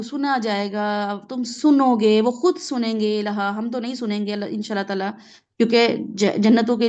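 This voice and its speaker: A woman with a Pakistani Urdu accent gives a Quran reflection lesson in a fairly high voice. She breaks down each word, slips English terms into her Urdu and keeps asking her listeners whether they follow. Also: a little mellow, muffled recording. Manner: explains word by word, checks in with "theek hai?"; mixes English words into Urdu. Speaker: Quran teacher.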